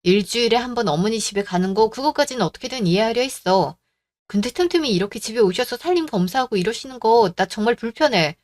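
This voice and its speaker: A woman's voice: a little high, lively intonation, fast talker, darkish tone, no echo, lightly acted. A woman voicing a weary, pleading young wife. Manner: pleading, complaining. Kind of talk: radio drama reading.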